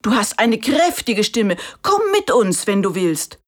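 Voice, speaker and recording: A woman voicing a sensible male donkey in a storybook reading, speaking in a steady, reassuring, matter-of-fact way. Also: mid-range voice, unhurried, pitched above the performer's own voice. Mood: coaxing. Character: sensible, calm male donkey leading the band.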